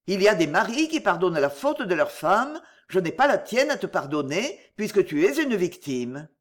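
A reader voicing a forgiving aristocratic husband with a calm, solemn delivery in an audiobook. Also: male voice, high voice, moderate pace, full character voice. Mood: tender. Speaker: count. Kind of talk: audiobook character reading.

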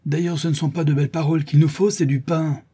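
A man voicing a brawny village wheelwright who leads a rioting mob, shouting and booming. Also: fairly quick, slightly rough, lightly acted. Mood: furious. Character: brawny male village wheelwright, rebel leader.

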